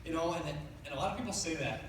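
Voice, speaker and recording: A man's voice: a little high, lively intonation, very fast. Echoey, faltering tender eulogy from a man. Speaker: son giving a eulogy. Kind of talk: personal funeral speech, partly read from notes. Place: large reverberant indoor room. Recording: echoey room, distant mic, faint noise.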